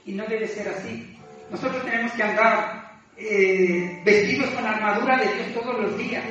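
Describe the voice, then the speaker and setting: A high-voiced male preacher gives an informal sermon in an echoey room, exhorting and confessing in a halting, self-deprecating way as he repeats phrases. The mic is distant and the sound is muffled, with music behind him.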